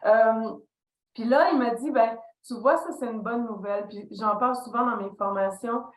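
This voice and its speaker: In a reflective interview recorded in an echoey room, a middle-aged woman with a Québécois French accent, a podcast guest and leadership consultant, recalls episodes from her career. She tells them animatedly and acts out the dialogue. Her voice is a little high, her speed normal.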